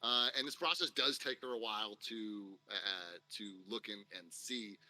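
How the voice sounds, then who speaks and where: A man's voice: on the low side, moderate pace, bright, forceful tone. A man narrating as dungeon master of a tabletop game, rambling with many fillers as he describes scenes.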